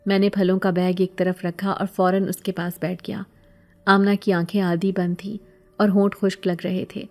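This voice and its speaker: Mellow woman narrating a horror story. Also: mid-range voice.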